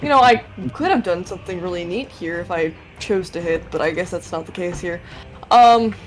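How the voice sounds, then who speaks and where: A woman's voice: fairly low pitch, normal speed, low-quality recording. A woman playing a tabletop game, chatting casually in a wry, sarcastic manner. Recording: music playing behind. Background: background music.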